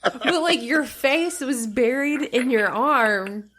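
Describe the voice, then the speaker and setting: A woman with a fairly high voice chats on a casual podcast, teasing her co-host. Her pitch leaps around expressively as she talks. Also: takes it slowly. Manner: animated, teasing. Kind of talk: casual chat.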